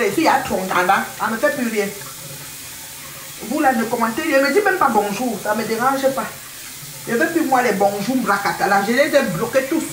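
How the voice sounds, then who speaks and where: An older woman chats on a live stream from her home, warm with pet names and quick to laugh. Her voice sits a little back from the mic. A roomy echo hangs around each phrase. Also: a little high, recorded from a distance, slight background noise. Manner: chatty and affectionate, repeats pet names, laughs often. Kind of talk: casual live-stream chat with viewers. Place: at home, indoors.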